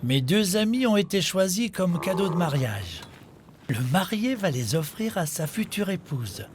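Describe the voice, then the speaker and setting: A man voicing a dromedary that tells its life story in measured nature documentary narration, scripted and in the first person. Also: high-pitched, big pitch swings, background noise. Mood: narrating. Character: male dromedary telling its own life in the desert.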